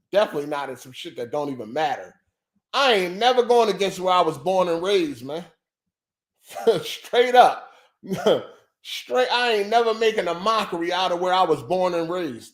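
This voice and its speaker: A man chats on his livestream in a fairly high voice. His talk is loose and profane, and he repeats his points over and over, leaning on "man" and "dog.". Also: lively intonation, normal speed. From Philadelphia. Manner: loose, profane, repetitive banter. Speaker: podcast host. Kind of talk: casual livestream chat.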